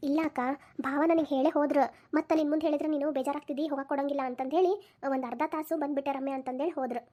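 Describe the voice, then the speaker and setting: A woman voicing a cheerful, helpful younger sister who talks briskly and reassuringly, in a Dharwad Kannada accent. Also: sits high, steady tone, mellow, dull audio, natural voice. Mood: chatty. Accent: North Karnataka (Dharwad) Kannada.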